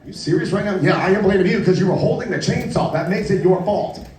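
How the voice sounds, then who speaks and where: A man emceeing a live comedy show, bantering loudly with mock outrage and teasing his partner. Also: high voice, fast. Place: live outdoor show venue with audience. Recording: distant, echoey, with crowd noise.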